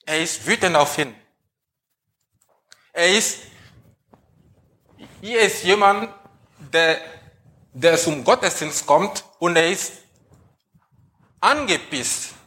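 A man preaching a sermon, putting slow, emphatic questions to the congregation. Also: on the high side, lively intonation, bright, forceful tone.

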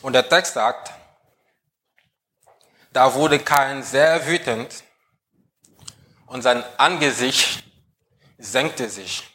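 Male preacher, measured delivery, asks the congregation pointed questions. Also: medium pitch, bright, forceful tone. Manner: slow, emphatic questions to the congregation. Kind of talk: sermon.

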